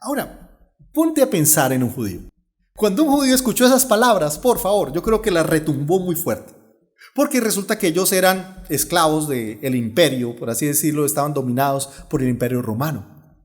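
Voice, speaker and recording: Animated pastor preaching. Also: male voice, a little high, normal speed. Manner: animated storyteller, acts out dialogue. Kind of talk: sermon.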